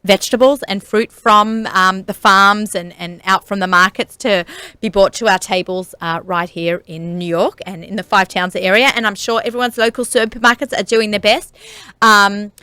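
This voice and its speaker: A woman's voice: mid-range voice, steady tone, normal speed, pushed and bright, clean tone, no echo. A woman hosting a cooking talk show on the radio, chatting casually and laughing often.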